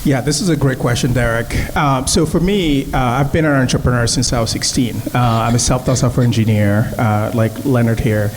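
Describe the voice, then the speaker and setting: A male startup founder answers a panel question, his voice at an ordinary pitch. He speaks with many fillers and restarts. The sound carries a long hall echo and a faint hiss. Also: moderate pace, hardly any pauses. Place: event hall.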